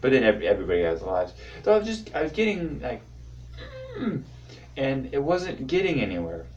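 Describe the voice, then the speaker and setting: A man in his twenties doing a rambling confessional stand-up to his camera, halting with many fillers and restarts. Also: mid-range voice, sing-song, a little mellow, far from the mic, muffled recording, a little hiss or hum. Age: 20s. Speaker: amateur stand-up comic. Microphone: camera mic.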